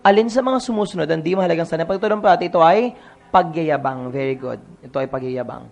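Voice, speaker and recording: A man's voice: a little high, fast talker, vocal fry, highs cut off. A man with a Filipino accent reviewing a Filipino grammar exam as a teacher, asking questions and answering them himself, mixing in English words.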